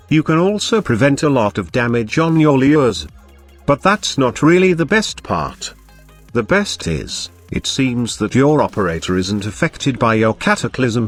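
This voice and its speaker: Man explaining a game strategy over music. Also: mid-range voice. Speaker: gaming channel host. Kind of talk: scripted game tutorial voice-over. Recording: background music under voice-over.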